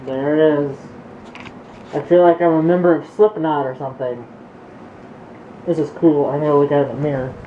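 A young man vlogging at home, talking casually and excitedly while muffled through a gas mask. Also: a little high, moderate pace, pauses often, roomy sound, slight background noise. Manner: excited, chatty, thinking aloud with fillers. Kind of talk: casual vlog chat.

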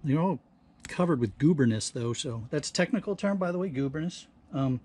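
Working at his bench, the host of hobbyist scrapping videos thinks out loud in a folksy way, exclaiming as he goes. His voice is on the high side yet dark and husky, expressive and a little fast. It's captured by an action camera or phone near the workbench.

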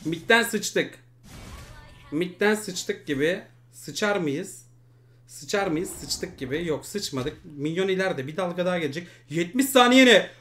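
A man commentating his mobile game live, muttering and then shouting and swearing at his teammates. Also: high voice, lively intonation, measured pace.

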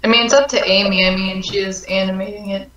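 A woman's voice: mid-range voice, fairly even intonation, fast, fairly bright tone. A woman chatting casually with friends on a group voice call, sometimes stumbling and restarting as she steers the talk. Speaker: script writer in a friends' Discord call. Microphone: voice chat headset or desk mic. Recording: distant, echoey, dull voice-chat audio.

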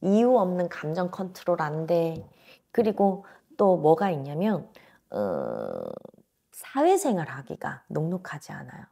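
Husky, gravelly-voiced woman fortune teller. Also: fairly low pitch, huge pitch swings, measured pace, warm tone. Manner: blunt, emphatic, talks down informally. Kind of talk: fortune-telling consultation. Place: small indoor shrine office. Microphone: lapel mic.

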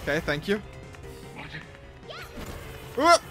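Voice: medium pitch, big pitch swings, very slow, music in the background. A gamer giving casual, reactive commentary while playing, swearing and exclaiming at the game as they talk to themselves. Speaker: video game streamer.

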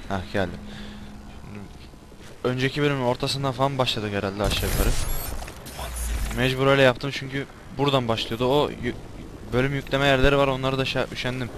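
A man doing casual let's-play commentary, crude and swearing, with loud angry outbursts at the game. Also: mid-range voice, steady tone, a little fast, long pauses, noisy background. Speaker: gameplay commentator. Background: game music and sound effects.

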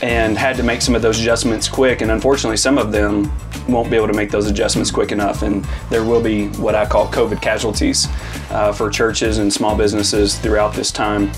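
A man's voice: lowish voice, flat delivery, a little fast, over music. A man who leads a church, chatting casually and reflecting earnestly in long, loose sentences, from Arizona. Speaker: lead pastor. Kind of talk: casual interview chat.

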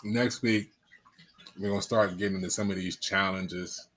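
A man's voice: low voice, fairly even intonation, normal speed, fairly bright tone. A man hosting a mukbang and chatting casually with his son while his mouth is full of pizza, laid-back and chatty. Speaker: mukbang host and father. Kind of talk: casual chat while eating on camera.

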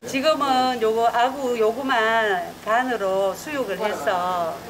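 A woman's voice: a little high, slow pace, a crowd in the background. A middle-aged woman with a Gyeongsang accent, talking through a face mask as a local cook who explains her cooking plainly and homely. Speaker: local fishing-village cook. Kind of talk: casual chat with a film crew. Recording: noisy location sound.

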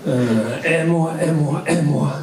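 A man's voice: fairly high pitch, a loud crowd. Japanese man speaking broken French, echoey hall. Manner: broken, halting French with repeated words. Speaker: film festival guest speaking on stage. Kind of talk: comic stage introduction. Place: large cinema hall stage. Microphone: handheld microphone. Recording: echoey noisy hall, from far off. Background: loud audience.

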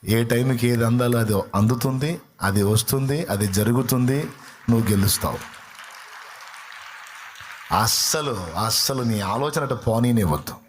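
A man preaches to his congregation, firing repeated rhetorical questions at his listeners. His voice sits at a middle pitch, and he slows down deliberately whenever he reads scripture aloud. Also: slight background noise. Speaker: pastor. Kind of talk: sermon.

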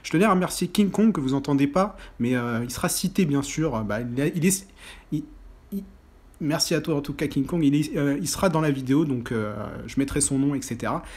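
A man giving excitable commentary over a football video game he is playing, often breaking into loud exclamations and groans. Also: on the high side, fairly quick, breathy edge. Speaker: gaming YouTuber. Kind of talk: mobile football gameplay commentary.

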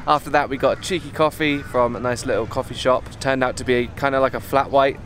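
A young man in his twenties, chatting in a relaxed, upbeat way as he vlogs outdoors with a camera held at arm's length. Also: mid-range voice, a little hiss or hum. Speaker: travel vlogger. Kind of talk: casual travel vlog. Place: outdoors in a park and jungle trail.

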